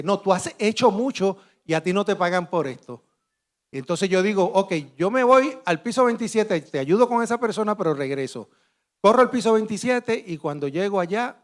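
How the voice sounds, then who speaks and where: High-voiced Puerto Rican man telling a vivid story. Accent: Puerto Rican Spanish. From Puerto Rico. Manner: vivid storyteller, acts out voices and crash sounds. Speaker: panelist. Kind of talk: dramatic personal testimony.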